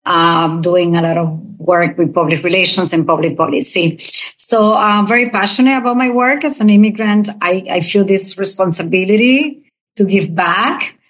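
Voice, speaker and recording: A woman's voice: medium pitch, normal speed, a bit bright. Earnest Dominican-born woman giving an interview. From Dominican Republic. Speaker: interview guest. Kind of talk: conversational interview.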